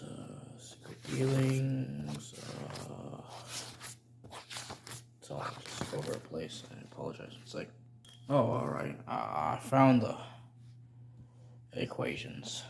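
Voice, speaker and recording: A man's voice: mid-range voice, gravelly, background noise, full character voice. A man playing a rambling, stammering middle-aged chemist cook in a comedic how-to tutorial. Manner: rambling, stammering, self-correcting.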